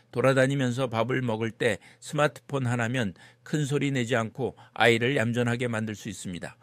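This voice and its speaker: Male narrator, mid-range voice, measured explanatory read of scripted text, dry recording. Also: medium pitch, fairly bright tone, dry recording. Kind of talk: scripted narration, reading aloud an informational parenting text.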